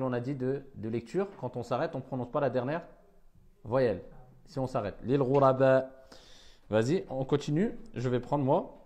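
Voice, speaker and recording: Brief: male teacher drilling pupils in a classroom, unhurried and patient, mid-pitched voice. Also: a little mellow. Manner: patient, repeats words and corrects pupils. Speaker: Arabic reading teacher. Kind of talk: classroom reading lesson.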